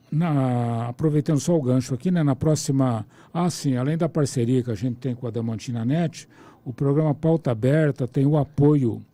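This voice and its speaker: A Brazilian man with a São Paulo interior accent hosting a radio talk show, relaxed and teasing, with many restarts. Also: medium pitch. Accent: Brazilian Portuguese, São Paulo interior. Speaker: radio host. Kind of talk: casual radio chat. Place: radio studio.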